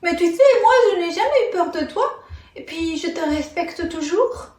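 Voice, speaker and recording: Tiny, eager lady fly played by a woman for a toddler's storybook, very high, kindly and insistent, roomy echo. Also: animated, moderate pace, darkish tone. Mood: kind, reassuring. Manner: eager, reassuring, childlike insistence. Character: tiny, kind, earnest female tsetse fly. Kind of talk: children's animal tale, played for toddlers. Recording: roomy, echoey sound.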